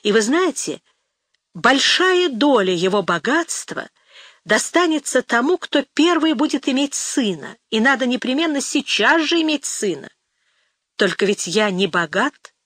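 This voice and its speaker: A man's voice: very high-pitched, sing-song, a little slow, a bit bright, dry recording, studio quality, voice pushed up, full character voice. A woman reading an eager young suitor. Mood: earnest. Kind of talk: audiobook character reading.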